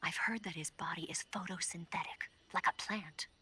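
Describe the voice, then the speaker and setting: A knowing female spy in a video game. Her voice is low and husky but bright and crisp-edged, and she gives calm, hushed, measured briefings like a confidante. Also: heavily acted. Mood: cautioning. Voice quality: breathy, husky.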